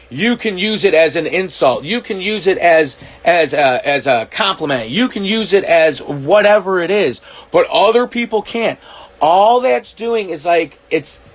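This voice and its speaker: Profane, rambling man thinking aloud. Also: fairly high pitch. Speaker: commentary vlogger. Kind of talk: reaction monologue.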